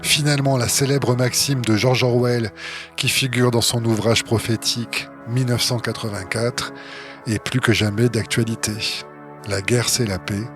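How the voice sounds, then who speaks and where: Measured male podcast co-host. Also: medium pitch, fairly even intonation, fairly bright tone, soft background music. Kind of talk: scripted podcast narration and banter.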